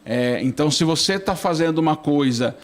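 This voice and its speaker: A man's voice: on the high side, animated, normal speed. A middle-aged man, a priest on a talk show, chatting loosely and keeps tagging his sentences with a question for agreement. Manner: chatty, keeps asking "não é?". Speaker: priest, studio guest. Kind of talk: casual talk-show conversation.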